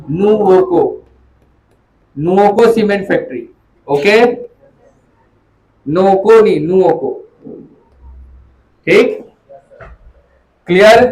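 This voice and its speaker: A man's voice: high voice, rough recording. A man teaching a classroom lecture, repeating memory tricks and calling students "beta".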